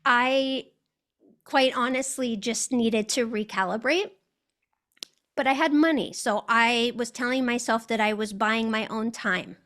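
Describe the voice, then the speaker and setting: American woman guest, bit high pitched, thoughtful and articulate. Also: unhurried, fairly bright tone. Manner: articulate, reflective. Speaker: interview guest. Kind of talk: casual interview storytelling.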